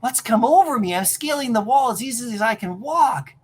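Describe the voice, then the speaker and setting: Woman doing a nerdy teen boy from a comic, jumpy and excited, husky voice that swoops up and down. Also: on the high side, fairly quick. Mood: amazed. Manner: excited, breathless exclamations. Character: nerdy teenage boy, bullied and anxious.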